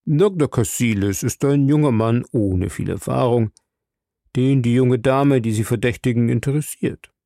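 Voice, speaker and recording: A man voicing a shrewd, suave investigator who talks in a measured, diplomatic way. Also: medium pitch, dark tone, dry recording, studio quality, close to an everyday voice.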